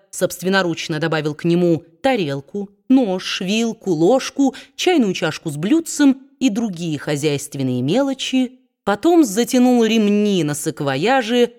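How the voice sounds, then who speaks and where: Low-voiced woman reading a novel aloud. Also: darkish tone. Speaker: audiobook reader. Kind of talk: scripted narration of a classic novel.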